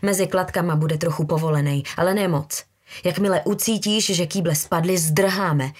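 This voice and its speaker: A woman voicing a brutal, menacing young man who talks in low, slangy threats. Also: natural voice.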